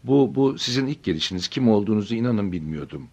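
A man's voice: low voice, big pitch swings, brisk, mellow, breathy edge, full character voice. A man voicing a flustered bank teller who stammers apologies and hurries to please. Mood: flustered apologetic. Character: flustered middle-aged male bank teller.

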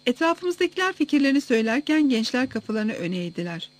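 A narrator reading a first-person story aloud in a steady, even manner for an audiobook. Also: high-pitched, fast, no room sound.

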